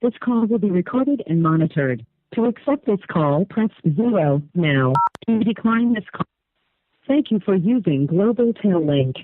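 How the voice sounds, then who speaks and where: A woman's recorded voice giving the automated announcement of a prison phone call in an even, formal manner. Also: mid-range voice, a little slow, dry recording. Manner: even, formal prompt reading. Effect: on a prison phone line. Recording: tinny phone line, faint music.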